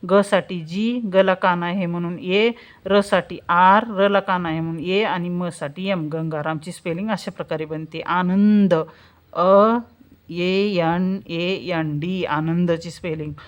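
A woman teaching spelling step by step, saying example words slowly and answering her own questions. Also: lowish voice, fairly even intonation. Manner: slow, drawn-out pronunciation of example words, asks questions and answers them herself. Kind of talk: spelling lesson, explaining step by step.

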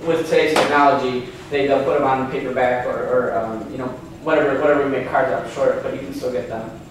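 A man's voice: mid-range voice, fairly even intonation, fast, recorded from a distance, background noise. Chatty man lecturing in an echoey room. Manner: chatty, many ums and restarts, asks audience questions. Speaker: seminar presenter. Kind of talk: informal lecture with slides. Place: hotel meeting room, indoors. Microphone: far camera, no handheld mic.

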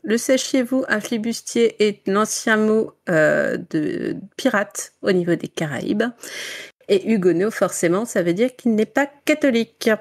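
A French woman chats through a book recommendation with a podcast group, rambling and full of hesitations. Her voice sits at a middle pitch and she keeps it relaxed and conversational. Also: unhurried. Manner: chatty, many fillers, laughs often. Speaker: book club member presenting a novel. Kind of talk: casual book club chat.

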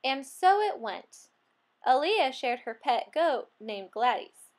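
A woman reading a children's picture book aloud, expressive and playful, acting out the animal sounds. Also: high-pitched, slow. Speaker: storybook reader.

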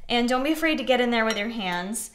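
On her casual home-kitchen cooking show, a young woman talks animatedly and fast in a slightly high, bright voice, chatting and cheering viewers on as she mixes and cuts. A little background noise can be heard.

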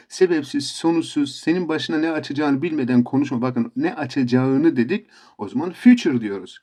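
A man giving a casual video lesson as an English teacher, animated and often addressing his viewers as friends, slowly repeating example phrases for learners. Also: fairly high pitch.

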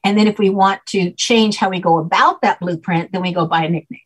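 Husky older woman explaining patiently. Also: medium pitch, brisk, low-quality recording. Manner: patient, teacherly, checks in with "okay?". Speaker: guest name expert. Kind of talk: explanatory interview talk. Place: home room, on a video call.

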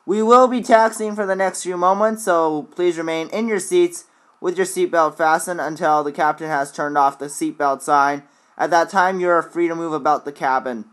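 A man's voice: a little high, fairly even intonation, moderate pace, fairly bright tone. A man delivering a formal airline cabin announcement in scripted phrasing, like a flight attendant addressing passengers. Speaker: video host, flight simulator player.

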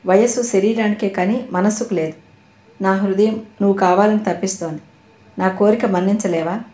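Lady reading as an earnest guy begging for love in an audio novel, mellow low-key voice, roomy echo. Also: steady tone, moderate pace, lightly acted. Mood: pleading. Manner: insistent, pleading. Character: earnest middle-aged man pleading his love.

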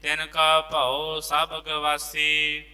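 A man teaching scripture recitation, singing the verses slowly and then quickly explaining how to pronounce them in a lower voice. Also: completely flat delivery, bright, forceful tone, smooth, faint music behind. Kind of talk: chanted scripture recitation lesson. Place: large temple hall. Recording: long reverb of a large hall.

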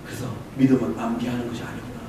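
A middle-aged male pastor preaching a revival sermon, moving between low confiding tones and loud impassioned preaching and firing rhetorical questions at the congregation. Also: little pitch movement, rapid-fire, distant mic. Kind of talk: revival sermon with personal testimony. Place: church sanctuary. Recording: echoey church hall from afar, faint noise.

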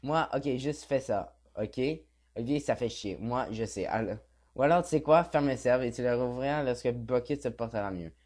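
A man's voice: medium pitch, moderate pace, darkish tone. A young man with a Quebec French accent casually reads a chat log aloud as a gaming vlogger, mumbling and swearing offhand.

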